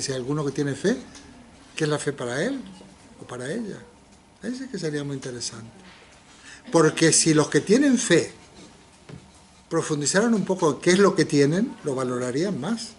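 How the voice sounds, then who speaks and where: A man's voice: on the high side, a little hiss or hum. An older man giving an informal philosophy seminar lecture, asking the audience rhetorical questions and dropping frequent tag questions. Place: lecture room in a community center.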